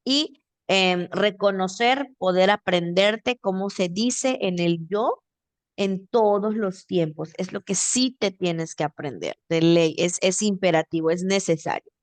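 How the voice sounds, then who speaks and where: Over a video call, a woman teacher with a Mexican accent gives a grammar lesson, explaining patiently step by step and checking in with her student. Her voice is mid-range and measured, with no echo.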